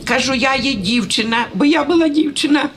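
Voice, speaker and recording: Woman sharing her testimony at church, high voice, emotional, laughing through tears. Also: fairly quick, rough recording. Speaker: church member giving testimony. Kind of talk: personal testimony at a church gathering. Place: church gathering.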